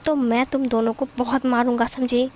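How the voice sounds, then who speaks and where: Woman reading as a flustered dad, stern and scolding, in a high light voice, quick and blustery, storybook reading. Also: level tone, a little mellow, a little hiss or hum. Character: stern, exasperated young father of three.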